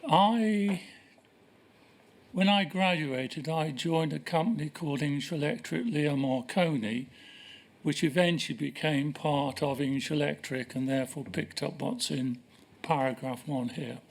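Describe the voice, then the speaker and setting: An older man answering questions as a witness at a formal hearing, measured and hesitant, pausing often. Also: a little high, gravelly. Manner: measured, hesitant, with many pauses. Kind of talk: formal testimony. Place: inquiry hearing room.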